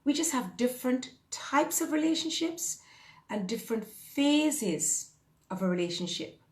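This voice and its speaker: A woman's voice: sits high, animated, a little slow, a little mellow, reverberant. A woman in her fifties, a fitness and mindset coach, chatting casually and upbeat on a live stream, rambling with plenty of fillers. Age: 50s. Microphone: phone or webcam on a live stream.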